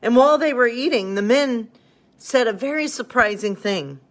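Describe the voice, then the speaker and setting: At normal speed and fairly high pitch, a woman pastor talks casually and somewhat ramblingly with her listeners, treating them as friends. Part of her talk is reading children's bedtime stories aloud.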